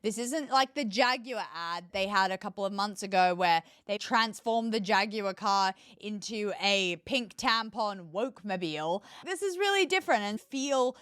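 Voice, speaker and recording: A woman's voice: medium pitch, lively intonation, normal speed, hardly any pauses, fairly bright tone, smooth, dry recording, clean studio sound. A woman hosting her own show, giving opinionated commentary with an emphatic, scornful tone and lots of rhetorical questions. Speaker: political commentary host.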